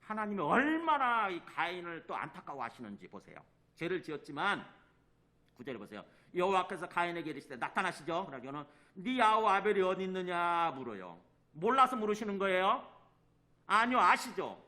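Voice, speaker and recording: Animated, bright-voiced male preacher. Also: fairly quick. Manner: animated preaching, acting out quoted lines with rising pitch; asks the congregation questions and answers them himself. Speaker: pastor. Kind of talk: sermon.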